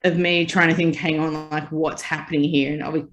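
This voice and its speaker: In a casual interview chat, an Australian woman who founded a festival tells her own story reflectively, often saying "you know" and "like". Her voice is deep, her tone level, and she speaks a little fast.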